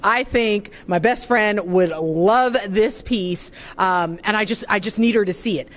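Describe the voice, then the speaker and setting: A woman's voice: medium pitch, a little slow. A woman hosting a live event off the cuff, chatty and casual as she improvises for the guests. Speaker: event host.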